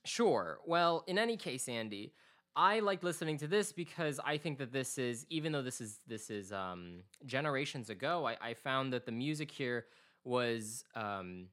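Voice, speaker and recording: Here the twenty-something podcast co-host sounds animated, his mid-range voice fairly bright as he moves at a moderate pace. Chatting casually about music, he's earnest yet rambling, frequently starting his sentences over.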